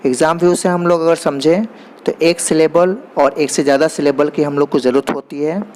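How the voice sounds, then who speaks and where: A man teaching basic grammar, explaining in Hindi and reading definitions slowly and deliberately. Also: fairly high pitch, fairly even intonation, darkish tone. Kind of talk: explanatory lesson.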